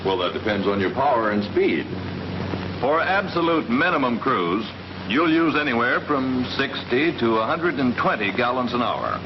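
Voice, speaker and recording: Medium in pitch and moving at normal speed, this male voice swings widely up and down. He portrays a self-assured US Army captain and flight instructor, explaining things to pilots in a plain-spoken, step-by-step way in 1940s training-film style. The tone is matter-of-fact, heard through a noisy, muffled vintage soundtrack.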